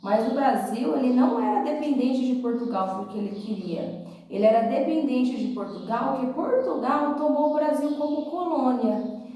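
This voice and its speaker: A woman's voice: high voice, moderate pace, warm tone, recorded from a distance. A Brazilian woman teaching preschoolers like a kids show host, explaining simply and repeating herself as she tells a story to small children. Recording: very echoey room, away from mic.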